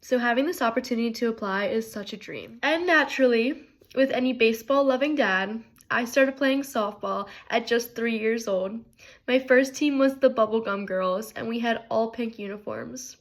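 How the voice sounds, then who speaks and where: A bubbly, energetic woman of twenty-one introducing herself for a job, her voice a little stuffy from a cold. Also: a little high, normal speed. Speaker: job applicant. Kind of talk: upbeat self-introduction video.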